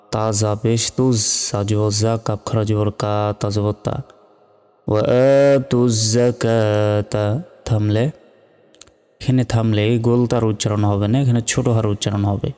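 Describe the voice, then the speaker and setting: Male Quran reading tutor, deep smooth voice, flat steady delivery, reverb and faint music behind. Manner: slow, measured letter-by-letter spelling. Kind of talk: spelling out Arabic letter by letter.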